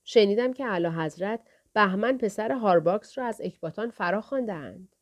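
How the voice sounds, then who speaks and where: A woman's voice: medium pitch, animated, close to an everyday voice. Audiobook part: a humble, respectful royal daughter, read by a woman, polite court speech. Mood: deferential.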